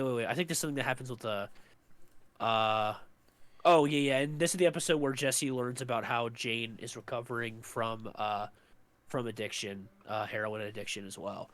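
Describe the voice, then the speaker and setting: A young man co-hosting a podcast, recapping a show in a loose, rambling way, swearing a lot and filling pauses. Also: mid-range voice, fairly bright tone, clean tone, no echo. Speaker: podcast co-host. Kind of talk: casual recap chat.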